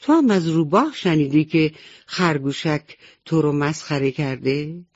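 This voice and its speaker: A woman's voice: low-pitched, no room sound. Woman voicing a wise little peacemaker mouse. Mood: reasoning. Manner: calm, reasoning, explaining. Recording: dull dry old radio recording.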